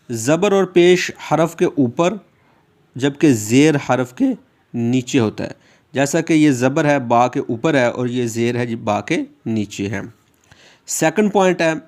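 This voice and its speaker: A man's voice: medium pitch, darkish tone. A man teaching Quran reading step by step, drawing out letter sounds patiently for the listener to repeat. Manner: slow, patient, drawn-out letter sounds for repetition. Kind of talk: step-by-step recitation lesson.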